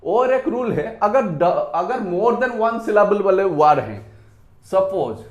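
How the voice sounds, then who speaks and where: Man, Indian accent, grammar teacher, slow repetitive delivery, phone recording, echoey room. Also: sits high, big pitch swings, dull audio. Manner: slow, repeats words drawn out, switches between Hindi and English. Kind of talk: whiteboard grammar lesson. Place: room with a whiteboard. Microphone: phone on a tripod.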